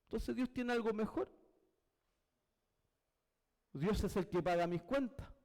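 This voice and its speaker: A man with a Chilean accent preaching a sermon as pastor, fervent, swinging from loud exclamations to hushed whispers. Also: high-pitched, takes it slowly. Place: church hall. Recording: long reverb of a church hall.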